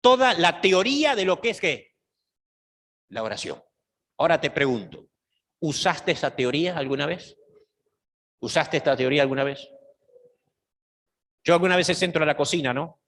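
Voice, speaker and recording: A man's voice: fairly high pitch, big pitch swings, normal speed, long pauses, a bit bright. A middle-aged man, preaching a sermon and putting rhetorical questions to his congregation. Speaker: pastor. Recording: hall reverb.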